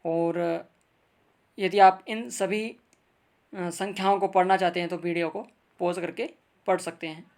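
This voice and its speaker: Male teacher for a video lesson; unhurried, careful, drawn-out recitation, patient direct address. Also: high-pitched, steady tone, darkish tone. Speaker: Sanskrit grammar teacher.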